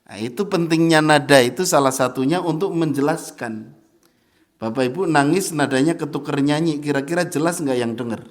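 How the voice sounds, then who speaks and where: Ustadz guy giving a casual mosque lesson, laughs a lot, kinda high voice. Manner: chatty, laughs often, chants verses slowly as examples. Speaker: ustadz teaching Quran recitation.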